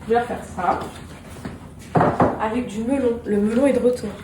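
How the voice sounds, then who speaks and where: A woman chats to her viewers like friends, her voice a bit high and set back from the mic. The room is echoey and noisy around her. It's an easygoing home vlog from the kitchen. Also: normal speed, far from the mic. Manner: chatty, addresses viewers as girls. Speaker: vlogger and mother. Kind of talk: casual vlog chat.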